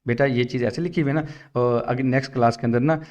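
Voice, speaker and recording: A patient male Quran teacher, a native Urdu speaker, explaining letter shapes to other teachers in a middle-pitched voice. He drags out the syllables as he spells. The talk is instructional and steady. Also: quick pace.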